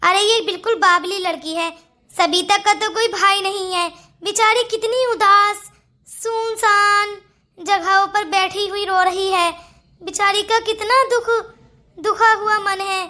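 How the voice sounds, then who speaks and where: A fussing cartoon mother who scolds and frets. Her voice is very high and ringing. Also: steady tone, unhurried, sharp tone, exaggerated voice. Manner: fussy, scolding. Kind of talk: cartoon voice acting.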